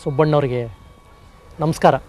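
An actor playing a kindly, concerned friend who speaks gently and coaxingly, in a TV serial. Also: male voice, a little high, fairly even intonation, moderate pace, very noisy, close to an everyday voice. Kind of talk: TV serial acting.

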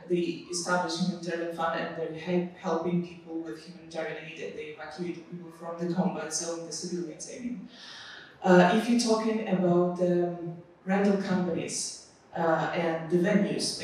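A woman's voice: lowish voice, a little mellow, far from the mic. Woman explaining in an echoey hall. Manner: earnest, explanatory, gesturing with free hand. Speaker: panelist. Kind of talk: conference panel answer. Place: conference stage in a hall. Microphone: handheld mic. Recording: echoey hall, mic heard from afar.

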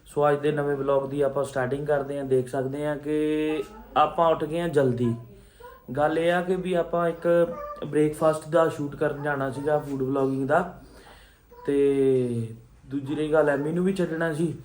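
A man's voice: fairly high pitch, steady tone, moderate pace, darkish tone. Punjabi man vlogging in an echoey room. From Punjab, India. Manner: chatty, coaxing and reassuring a small child. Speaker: family vlogger. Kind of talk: casual home vlog. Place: indoors at home. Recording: echoey room, faint background hum.

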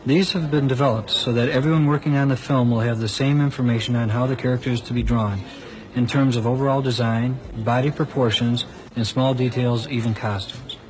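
A man's voice: medium pitch, steady tone, a little fast, a crowd in the background, low-quality recording. A man delivering scripted narration as a documentary narrator. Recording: noticeable background noise.

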